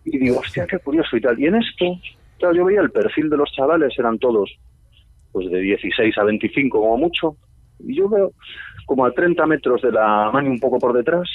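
A man with an accent from Spain tells a slangy, lively anecdote in a husky voice, acting out what he said back then. The sound is thin and tinny, like a phone line, and completely dry. His pitch sits in an ordinary middle range. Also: a little fast, dry recording. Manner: lively storytelling, slangy, acts out his own past remarks. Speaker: guest telling a story on a radio show. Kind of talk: casual anecdote.

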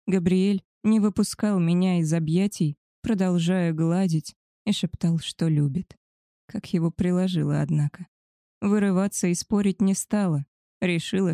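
An expressive woman narrating a first-person audiobook. Her voice sits fairly low with a dark, mellow color. The recording is dry and close. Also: no room sound.

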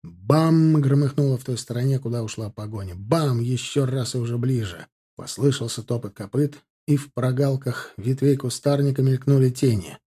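Male audiobook narrator, mellow and husky, steady delivery. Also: mid-range voice, brisk. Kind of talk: scripted narration.

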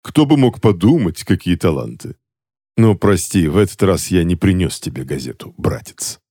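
A man's voice: low-pitched, sing-song, moderate pace, warm tone, dry recording, clean studio sound, heavily acted. A man voicing a smug, sarcastic man who keeps his brother captive, with false, mocking concern, in an audiobook. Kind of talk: audiobook character voice.

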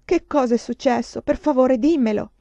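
Woman reading a devoted young wife in a storybook, pleading and urgent, warm muffled sound. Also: sits high, moderate pace, no echo, pitched above the performer's own voice.

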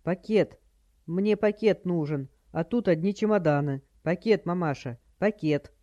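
Narrator doing a gruff, irritable crook. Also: medium pitch, normal speed, warm tone, muffled recording, natural voice. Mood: angry. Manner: irritable, barking. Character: gruff impatient male criminal.

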